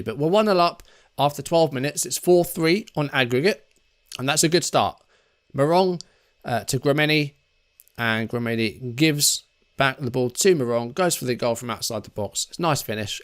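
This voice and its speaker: A man's voice: medium pitch, fairly bright tone. A man casually commentating his own football management game, chatty and reacting to each play with frustrated asides. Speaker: gaming YouTuber.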